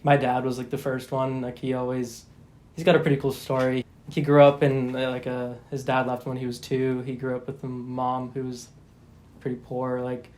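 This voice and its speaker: A man's voice: medium pitch, monotone, normal speed, darkish tone. An eighteen-year-old man telling a story casually in a documentary interview.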